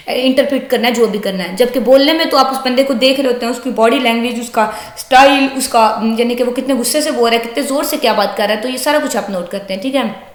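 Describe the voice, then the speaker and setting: A high-pitched woman teaches an online class. She reads each English point slowly and then explains it patiently, often repeating herself. Her voice rings in an echoey room. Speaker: lecturer. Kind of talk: recorded online lecture.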